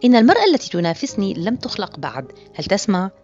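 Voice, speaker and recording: A woman's voice: medium pitch, wildly swooping pitch, very fast, a little mellow. A woman voicing a playful, possessive, seductive lover in an audiobook with a mocking manner. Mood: fierce. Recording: muffled lo-fi audio with faint music.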